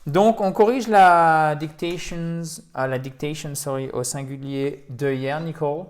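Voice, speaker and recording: A man's voice: fairly high pitch, fairly even intonation, measured pace. A man teaching English pronunciation in a video lesson, explaining in French and repeating example words with the stress marked.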